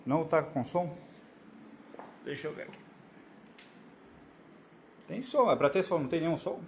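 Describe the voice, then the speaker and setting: A man's voice: a little high, expressive, unhurried. A man hosting a casual live stream from his phone, greeting viewers and checking the sound. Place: room with air conditioning. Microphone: phone camera. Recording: roomy phone recording with faint room noise. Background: air conditioner hum.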